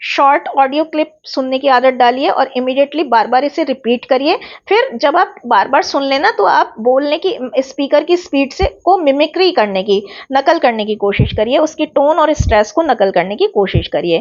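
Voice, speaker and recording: A woman teacher giving a recorded exam-prep lecture, explaining step by step and stretching example words slowly to show stress. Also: high-pitched, expressive, dull audio. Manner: explains step by step, mixing in English terms.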